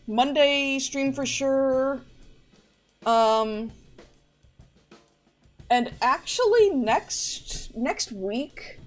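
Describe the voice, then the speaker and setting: A woman streams and talks loosely to her viewers, wandering off on tangents and circling back. Her voice sits a little on the high side. Soft game music plays faintly behind her. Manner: rambling, chatty, often restarts and trails off. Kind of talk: casual chat to a live stream audience.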